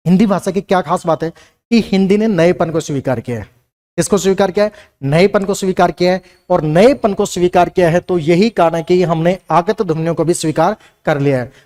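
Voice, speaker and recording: A man's voice: sits high, moderate pace, darkish tone. A man teaching a Hindi language lesson, who asks questions and answers them himself and repeats key lines. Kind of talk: classroom lecture.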